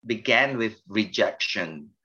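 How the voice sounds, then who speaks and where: Earnest older Malaysian-born pastor. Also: male voice, on the low side, lively intonation, slow pace, pushed and bright, husky, highs cut off. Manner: earnest, reflective, with frequent restarts. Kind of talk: interview guest telling his life story.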